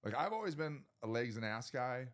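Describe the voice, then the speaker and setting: A man's voice: mid-range voice, big pitch swings, brisk. A man co-hosting a podcast, chatting casually and crudely, rambling with many fillers and restarts. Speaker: podcast co-host.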